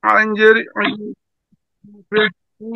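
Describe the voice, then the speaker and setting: High, slow man chanting letter drills. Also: completely flat delivery, gravelly, dry recording, lo-fi sound. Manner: slow sing-song syllable recitation. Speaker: student. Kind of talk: reciting Arabic letter drills. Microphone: online call.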